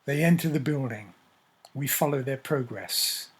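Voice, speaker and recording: Husky guy narrating a story, slow and descriptive, scripted. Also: medium pitch.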